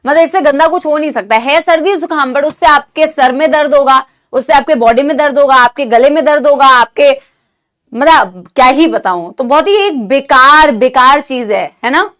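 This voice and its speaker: A young woman teaching a live online class with a sore throat from a cold, talking gently and affectionately to her students while mixing Hindi and English. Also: sits high, normal speed. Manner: motherly, calls students "beta", mixes Hindi and English. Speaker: online NEET biology teacher.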